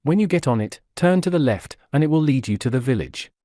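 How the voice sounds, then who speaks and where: A man voicing a cool-headed young gentleman who speaks with dry, wry humour. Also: medium pitch, lively intonation, fast talker, no echo, natural voice.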